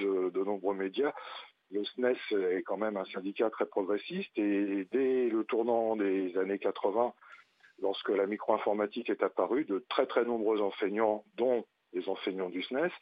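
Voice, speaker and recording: A man's voice: on the low side, normal speed, no echo. A man calling in over a landline phone as a guest on a radio talk show, explaining at length with many hesitations. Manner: explanatory, with frequent hesitations and fillers. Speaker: guest teacher and union representative. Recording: muffled phone line, dry.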